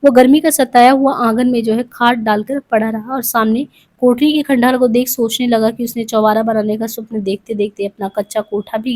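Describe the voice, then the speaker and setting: A woman's voice: a little high, a little mellow. A woman reading a novel aloud, adding plain explanatory asides as she goes. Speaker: narrator.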